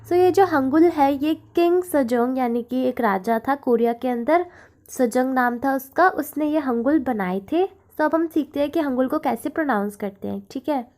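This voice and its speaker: A woman's voice: high-pitched, moderate pace, a little mellow. A woman teaching the sounds of a foreign alphabet step by step, repeating each sound and giving simple example words. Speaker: language teacher. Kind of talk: slow, step-by-step language lesson.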